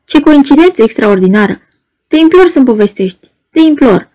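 A woman reading an audiobook, voicing a nervous, gentle male hospital patient who hates noise and pleads fussily. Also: very high voice, lively intonation, voice pushed up. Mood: eager. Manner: pleading, fussy, easily alarmed. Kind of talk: audiobook character voice.

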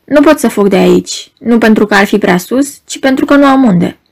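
A woman reading an audiobook, voicing a nervous, gentle male hospital patient who hates noise and pleads fussily. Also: extremely high pitch, expressive, creaky, full character voice. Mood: anxious. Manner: pleading, fussy, easily alarmed. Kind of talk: audiobook character voice.

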